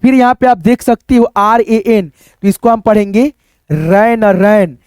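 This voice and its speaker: A man's voice: high-pitched, measured pace, darkish tone, smooth, dry recording. A man teaching English phonics, spelling out letters and repeating each word, asking the class and answering his own questions. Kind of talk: phonics lesson at a whiteboard.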